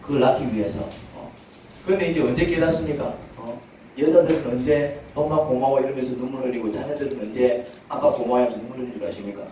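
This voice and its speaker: Pastor preaching in an echoey church. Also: male voice, mid-range voice, quick pace, mellow, recorded from a distance, a little hiss or hum. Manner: conversational preaching with rhetorical questions. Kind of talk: sermon. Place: church sanctuary.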